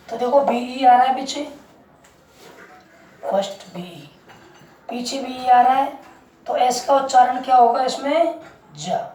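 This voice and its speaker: A woman teaching pronunciation in a slow, unhurried lesson, repeating each point and quizzing listeners with questions. Her voice sits somewhat high but sounds mellow. It comes from some distance off the mic, in an echoey room with a faint hum behind it. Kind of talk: classroom-style lesson.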